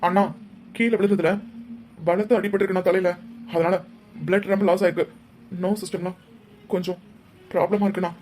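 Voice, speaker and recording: A woman voicing a younger brother who calmly reassures his grieving elder brother. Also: mid-range voice, fairly quick, long pauses, slight background noise, close to an everyday voice. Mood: soothing. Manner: soothing, reassuring.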